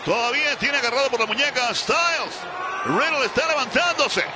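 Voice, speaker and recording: A man calling wrestling play-by-play as a commentator, excitable and dramatic, in short bursts. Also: extremely high pitch, fairly quick, heavy background noise. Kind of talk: play-by-play wrestling commentary in Spanish-language broadcast. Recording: loud arena crowd and ringside thuds. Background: roaring wrestling crowd.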